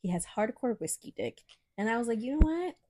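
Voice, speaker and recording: A young woman co-hosting a podcast, telling a story in casual chat, animated and profane, often laughing. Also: on the high side, a little fast. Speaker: podcast co-host.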